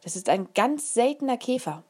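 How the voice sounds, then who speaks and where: A woman voicing a gentle mother who explains things to her small daughter in a lively, patient way. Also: a little high, normal speed, breathy edge, voice pushed up. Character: warm, careful mother of a small girl.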